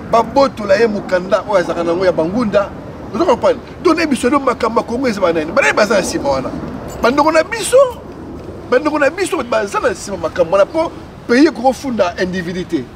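A man giving impassioned outdoor political commentary, repeating himself and mixing French into his talk. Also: high voice. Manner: impassioned, repetitive, switches between Lingala and French. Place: outdoors on a city street. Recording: distant mic outdoors with faint noise.

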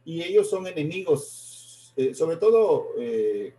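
Guy doing a history stream, kinda high voice but mellow, keeps stopping and fixing what he said. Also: sing-song, a little hiss or hum. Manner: halting, self-correcting, repeats words. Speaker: history presenter. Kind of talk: live-streamed history lecture.

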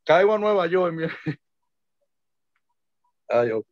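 A middle-aged man with a Dominican Spanish accent, an interview guest telling lively anecdotes and acting out the voices of people he quotes. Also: fairly high pitch, slow pace, no echo. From Dominican Republic. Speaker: interview guest, merengue and bachata singer. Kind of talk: casual storytelling interview. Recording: dull lo-fi dry sound.

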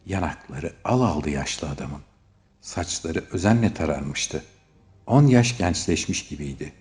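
A man narrating a short story as an audiobook reader, in a measured storytelling manner. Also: very deep voice, expressive, darkish tone.

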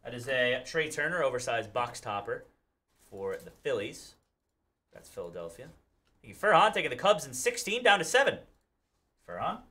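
A man's voice: mid-range voice, sing-song, normal speed, long pauses, pushed and bright. A man in his thirties hosting a live card break in a studio, reading out cards and thanking buyers by name.

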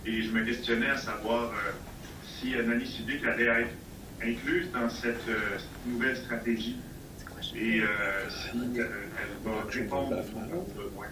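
A man's voice: mid-range voice, fairly even intonation. Man on a choppy, buffering call line. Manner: halting, broken into fragments with repeated words. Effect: choppy, buffering connection that breaks up. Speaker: reporter calling in. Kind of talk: press conference question over a phone line. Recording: distant, echoey, noisy call-in line.

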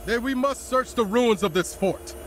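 A man's voice: very high voice, animated, moderate pace, soft background music. An actor playing a nerdy young man who talks in theatrical mock-medieval phrases, in video game dialogue. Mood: pompous. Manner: theatrical olde-worlde phrasing, then sudden swearing. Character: nerdy male role-play fan speaking mock-medieval.

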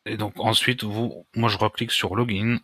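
Hesitant French man, bright dry voice. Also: fairly low pitch, steady tone, normal speed, slightly rough, no room sound. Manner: hesitant, many fillers and restarts, casual explanations. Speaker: WordPress tutorial maker. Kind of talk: screen-recorded software tutorial.

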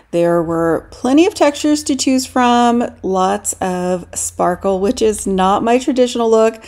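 Here a middle-aged DIY craft channel host narrates a home decorating tutorial, her warm, medium-pitched voice explaining every step with friendly instruction.

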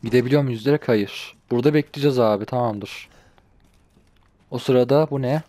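A man's voice: medium pitch, moderate pace, dark tone, no room sound. A young man casually commenting on a game he plays, grumbling and translating the lines aloud. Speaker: gaming channel host. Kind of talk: casual let's-play commentary.

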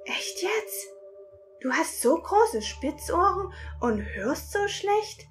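A woman's voice: very high-pitched, sing-song, takes it slowly, faint music behind, voice pushed up, heavily acted. A woman voicing a small, cheeky, animal-like light spirit in a storybook reading, teasing and giggling with snorting laughs. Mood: excited.

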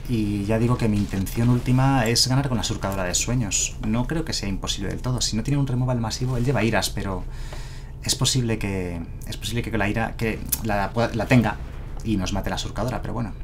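There's a noisy background as this thirty-something man from Madrid, Spain, delivers live gameplay commentary in a fairly low voice at a fairly quick pace. Speaking with a Madrid Spanish accent into a headset mic in his home streaming room, he muses casually about the card game and laughs at himself.

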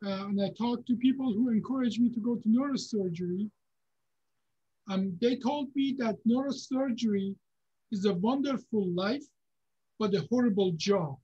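A man, a neurosurgeon giving unhurried, halting career advice over a video call from a home office. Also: high-pitched, dark tone, breathy edge. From Iran. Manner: unhurried, halting, with many fillers and restarts. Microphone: video call webcam. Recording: dull, lo-fi video call audio.

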